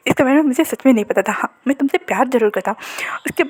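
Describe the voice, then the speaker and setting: A woman's voice: sits high, very fast, slightly rough. A woman voicing a playful, devoted young man who teases and reassures his partner, in a casual storytelling retelling. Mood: teasing.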